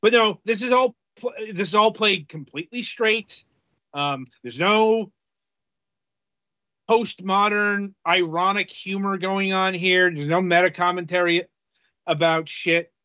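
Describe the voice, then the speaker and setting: A man co-hosting a casual game-review podcast, talking haltingly with many fillers. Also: high voice, sharp tone, dry recording, muffled recording. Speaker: podcast co-host reviewing games.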